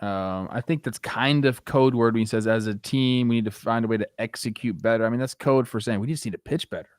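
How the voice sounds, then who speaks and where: A man's voice: medium pitch, brisk, no room sound, studio quality. A man co-hosting a sports talk show, discussing the game in an informal, conversational way. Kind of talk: casual baseball discussion.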